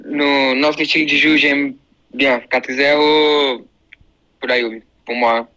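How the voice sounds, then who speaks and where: A man's voice: mid-range voice, level tone, takes it slowly, bright, forceful tone, low-quality recording. A man who is a guest player on a sports show, answering in short, simple sentences with non-native phrasing. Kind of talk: casual interview answers.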